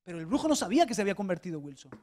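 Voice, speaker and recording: High-voiced man preaching passionately. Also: big pitch swings, racing. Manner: impassioned preaching, swinging from hushed to loud; repeats and stumbles over small words. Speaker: pastor. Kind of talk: sermon. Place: church before a congregation.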